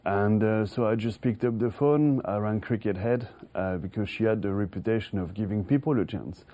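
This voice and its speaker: In an interview, a middle-aged French horse trainer, a native French speaker who trains racehorses, restarts often and chuckles as he responds. He speaks at a moderate pace in a lowish voice with a dark tone.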